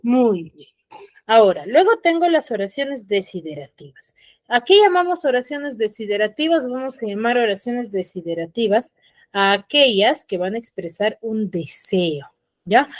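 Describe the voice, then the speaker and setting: A woman's voice: fairly high pitch, sing-song, no room sound. Patient woman teacher checking in constantly. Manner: explains patiently, tags sentences with quick checking questions; reads example sentences with acted feeling. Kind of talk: online class lesson. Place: online class from home.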